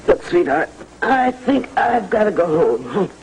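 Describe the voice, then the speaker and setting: A man's voice: high-pitched, sing-song, unhurried, vocal fry, exaggerated voice. An actor in a 1980s TV soap playing a fatherly man who talks in a soothing, affectionate way. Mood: reassuring. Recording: old TV recording with faint hiss.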